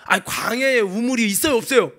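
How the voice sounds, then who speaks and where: A male pastor with a very high-pitched voice delivers a sermon as animated storytelling. He jumps from loud, exclaiming bursts to quiet, lowered asides. He keeps throwing rhetorical questions at the congregation. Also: quick pace. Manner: dramatic storytelling, swinging between loud exclamations and hushed asides.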